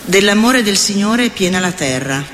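Male lector, higher register, solemn even liturgical reading; long church reverb. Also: normal speed, background noise. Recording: echoey church hall with faint ambience.

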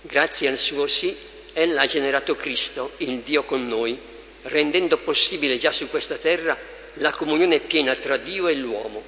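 A man leading adoration as a priest, reading scripture and meditations slowly and with measured care in a large church. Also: fairly high pitch, pushed and bright, slight background noise. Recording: echoey church with long reverb, faint ambience.

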